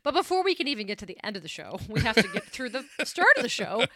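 A woman's voice: fairly high pitch, sing-song, fast talker, fairly bright tone, dry recording, studio quality. A woman co-hosting a radio show with casual, chatty, self-deprecating banter. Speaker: radio show and podcast co-host.

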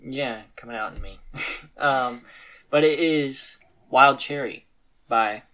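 A man's voice: medium pitch, takes it slowly, sharp tone. A man hosting a casual podcast about classic rock albums, talking loosely with plenty of fillers and restarts. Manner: rambling with many fillers and restarts. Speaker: podcast host.

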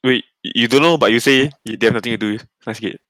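Skeptical male co-host, mid pitch, questioning, dry close mic. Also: quick pace, fairly bright tone, dry recording. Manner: questioning, challenging. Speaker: podcast co-host. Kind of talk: casual chat.

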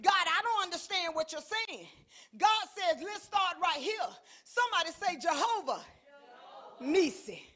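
High, bright-voiced woman preaching. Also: lively intonation, normal speed. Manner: call-and-response preaching, swings from soft to shouting; colloquial, rhythmic repetition. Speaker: pastor. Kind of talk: sermon.

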